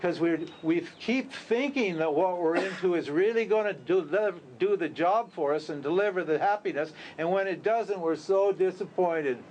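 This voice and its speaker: High-voiced man giving a casual spiritual talk. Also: normal speed, hardly any pauses, darkish tone, slight background noise. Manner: conversational, rhetorical questions, laughs at his own lines. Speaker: spiritual teacher. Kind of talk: informal spiritual talk to a group.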